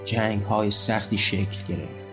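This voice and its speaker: A man narrating his own novel as an audiobook, in an even, measured literary reading. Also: fairly low pitch, music in the background. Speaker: author and narrator.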